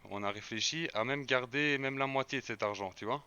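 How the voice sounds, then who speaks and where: A man in the middle of an in-character crime role-play, his voice smooth and clear at an ordinary middle pitch. He lays things out patiently and at length, circling back and restarting his phrases as he goes. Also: fairly quick, dull audio. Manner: calm, explains at length with repeated restarts. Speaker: streamer playing a gang member.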